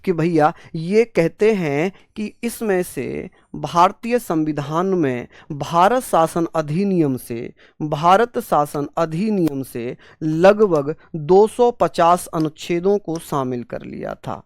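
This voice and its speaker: A man's voice: on the high side, expressive, slow pace, dry recording, clean studio sound. A male exam-prep teacher giving an online classroom lecture, drilling points over and over, voicing his students' questions and calling them fond names. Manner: repetitive drilling, voices students' questions, fond terms of address.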